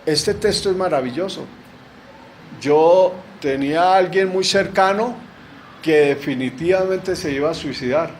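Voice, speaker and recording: A man's voice: on the high side, measured pace, slight background noise, low-quality recording. A middle-aged man preaching a sermon in a church, asking rhetorical questions and answering them with emphasis.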